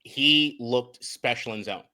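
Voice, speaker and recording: A man co-hosting a casual sports podcast, talking in an animated way, swearing, laughing and restarting his words as he breaks down game film. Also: medium pitch, slow pace. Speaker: podcast co-host and film analyst.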